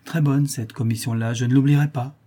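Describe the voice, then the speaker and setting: A man's voice: medium pitch, steady tone, brisk, warm tone, husky, natural voice. A man voicing an eager, chatty young servant in a classic novel reading. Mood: cheerful.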